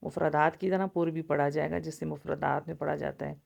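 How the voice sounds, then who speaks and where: A woman's voice: deep voice, steady tone, gravelly, darkish tone. A woman teaching Quran recitation rules, patiently explaining each letter and stretching out recited sounds. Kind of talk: tajweed lesson, explaining and reciting.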